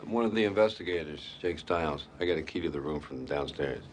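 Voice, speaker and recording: A man's voice: very deep voice, quick pace, darkish tone. An actor playing an easygoing private investigator, a man with a dry, teasing way of talking. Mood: calm. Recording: outdoor city noise behind.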